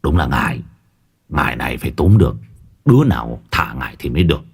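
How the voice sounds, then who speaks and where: A man voicing a gruff, foul-mouthed male shaman who barks his orders. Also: extremely low pitch, very animated, fast talker, voice pushed down, heavily acted. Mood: gruff, impatient. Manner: gruff, barking.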